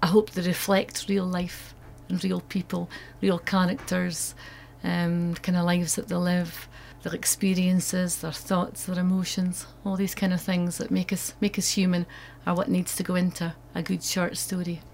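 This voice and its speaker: A woman with a North East Scottish accent speaks as an interviewed author. Her voice sits on the low side and moves very little in pitch. She answers at length about her own work. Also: little pitch movement, moderate pace, gravelly, few pauses, a little mellow, slight background noise. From North East Scotland.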